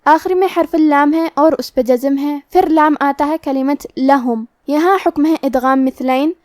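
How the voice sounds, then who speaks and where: Woman, high voice, patient and methodical recitation teacher, dry close recording. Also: dark tone, dry recording. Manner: careful, methodical explaining of each sound. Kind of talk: step-by-step recitation lesson.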